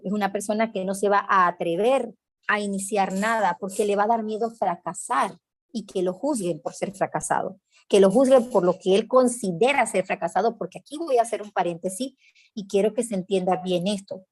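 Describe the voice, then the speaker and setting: A woman's voice: a little fast, no room sound, studio quality. A woman teaching an online class on emotional wounds, checking in with her listeners and acting out scolding parents in a raised voice. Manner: acts out scolding parents in a higher voice; reads out viewer comments, checks in with "¿ok?".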